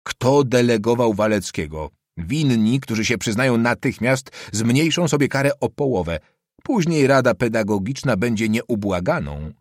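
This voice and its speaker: A man's voice: mid-range voice, expressive, moderate pace, dry recording, clean studio sound, voice pushed up, natural voice. A man voicing a stern school inspector who questions the class in a firm, commanding tone.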